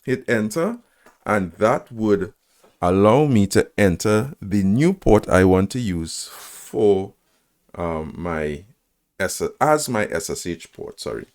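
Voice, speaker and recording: A man's voice: fairly low pitch, animated, takes it slowly, darkish tone. A man presenting a screen-recorded coding tutorial, talking through each command step by step, spelling them out and checking in with "right?" as he goes. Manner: frequent "right?" checks and small self-corrections.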